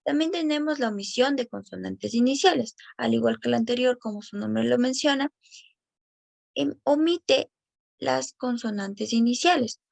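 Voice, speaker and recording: Woman explaining speech development, gravelly tone. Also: fairly high pitch, darkish tone, no echo. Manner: careful, explanatory, slows down on example words. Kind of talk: reading an educational presentation.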